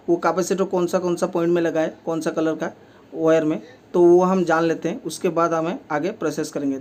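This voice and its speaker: A man's voice: on the high side, a little mellow. A man with speech, a repair technician who explains each step of fixing a table fan in a plain way, with many fillers. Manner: speaks while working with his hands.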